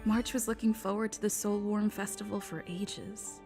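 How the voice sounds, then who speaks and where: An actress playing a weary young female traveler who speaks in a tired, quiet way. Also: medium pitch, fairly even intonation, normal speed, over music, natural voice.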